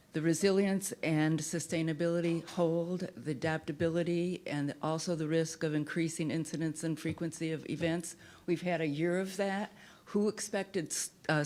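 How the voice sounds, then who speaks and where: Woman, low voice, rambling with restarts, public testimony. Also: a little mellow. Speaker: resident at public comment.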